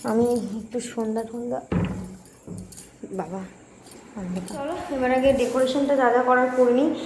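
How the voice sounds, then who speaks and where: A young woman talks through her day in a loose, rambling vlog chat. She is recorded indoors at home in a room with a clear echo. Steady household noise runs behind her voice. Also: fairly high pitch, normal speed. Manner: chatty, rambling running commentary. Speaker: lifestyle vlogger. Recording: echoey room with background noise.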